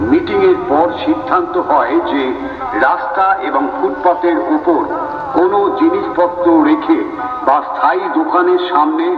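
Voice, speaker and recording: A man with a West Bengal Bengali accent reading a formal public announcement deliberately, as through a megaphone. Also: a little high. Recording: muffled, distant loudspeaker with echoing reverb.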